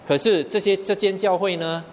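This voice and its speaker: A man's voice: high voice, normal speed, a little hiss or hum. A man preaching a sermon, explaining scripture verse by verse and often asking the listeners rhetorical questions. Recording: long hall reverb, faint ambience.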